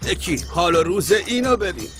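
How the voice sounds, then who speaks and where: A man's voice: high-pitched, natural voice. A man dubbing a jumpy, fussy young man in a TV drama. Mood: sympathetic. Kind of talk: dubbed TV drama. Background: music.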